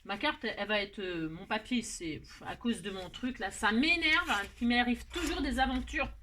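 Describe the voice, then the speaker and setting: Bright-voiced woman doing a craft tutorial, self-mocking chatter and mumbled asides, slightly high, faint hiss. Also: expressive, moderate pace. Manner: chatty, joking about her own mistakes, muttering asides. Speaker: card-making tutorial host.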